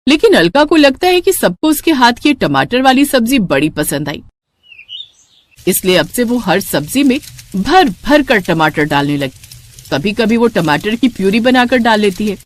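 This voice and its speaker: एक महिला, नैतिक कहानी की लिखी हुई कथा सधे ढंग से सुनाती हुई।. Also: female voice, a little high, big pitch swings, normal speed. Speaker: narrator. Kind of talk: scripted storytelling.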